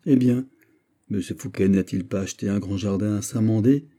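A man voicing a witty, playful poet who argues with quick teasing replies in an audiobook. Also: on the low side, mellow, lightly acted. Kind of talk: audiobook character voice.

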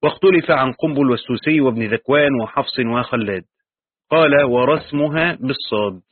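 A man reading aloud and explaining a Quran commentary in measured, pausing lessons, correcting himself and adding asides. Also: medium pitch, slightly rough, no echo, phone-quality sound.

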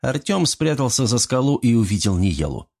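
A man narrating a fantasy audiobook with an even storytelling delivery. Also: medium pitch, normal speed, gravelly.

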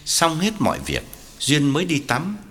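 A man narrating an audiobook story with a lively, wide-ranging delivery. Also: on the high side, moderate pace, in a large hall. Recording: soft music underneath.

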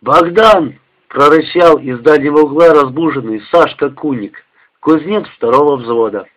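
A man reading a novel aloud as an audiobook narrator, in a measured, steady manner. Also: a little high. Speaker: audiobook reader. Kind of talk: scripted literary narration. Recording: dull homemade lo-fi audiobook recording.

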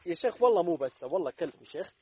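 A man with a Gulf Arabic accent coaxing small children in a playful, animated way at an outdoor playground. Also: a little high, racing. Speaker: vlogger. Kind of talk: casual talk to small children.

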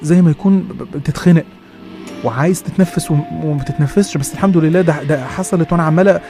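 A man's voice: fairly high pitch, fast, dark tone, faint music behind, voice pushed up, close to an everyday voice. A man voicing a frightened young wife with an Egyptian accent who talks in rising, urgent bursts and repeats herself. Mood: alarmed, relieved. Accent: Egyptian Arabic.

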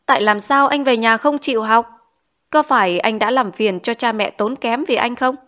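A woman's voice: fairly high pitch, normal speed, fairly bright tone, lightly acted. A woman voicing a stern male village schoolteacher in an audiobook, scolding with pointed questions. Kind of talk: audiobook character reading.

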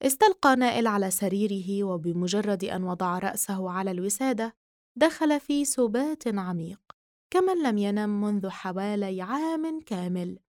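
A woman reading a novel aloud as an audiobook narrator, in measured literary narration. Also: mid-range voice, lively intonation, a little mellow, dry recording, studio quality. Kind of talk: scripted narration.

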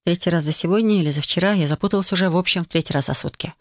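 Woman reading a fantasy novel out loud, first person, lively and flustered, dry close mic. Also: on the low side, rapid-fire, no room sound. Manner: expressive, flustered heroine's voice. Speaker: audiobook narrator.

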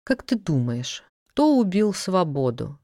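A reader with a mid-range, very animated, warm voice performs a stern baron who coldly interrogates and issues commands. The delivery is unhurried yet cold and commanding. It's a dry, studio-quality recording.

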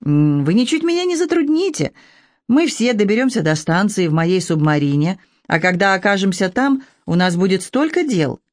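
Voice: mid-range voice, expressive, moderate pace, no echo, clean studio sound, lightly acted. An audiobook reader voicing a chatty, insistent older matron who presses an invitation. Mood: gushing. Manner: gushing, insistent.

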